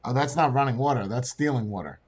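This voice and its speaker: A man hosting an improv comedy interview, incredulous and doing the sums out loud. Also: mid-range voice, fast. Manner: incredulous, working things out out loud.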